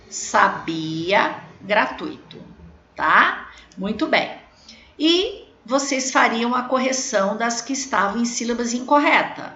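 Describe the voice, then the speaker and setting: Woman, Brazilian accent, primary teacher, slow careful speech, echoey room, dull lo-fi sound. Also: on the high side, fairly bright tone. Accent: Brazilian Portuguese. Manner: slow, patient, spells out words to children. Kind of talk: video lesson correcting exercises.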